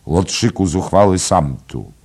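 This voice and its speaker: A man putting on a swaggering, bossy rider from a mock-chivalric tale who barks orders. The voice is lifted well above the reader's own deep tone and drawn out at times. Hectoring and loud. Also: animated, a little slow, husky, heavily acted. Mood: commanding. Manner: commanding, hectoring. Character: blustering swaggering mounted male traveller.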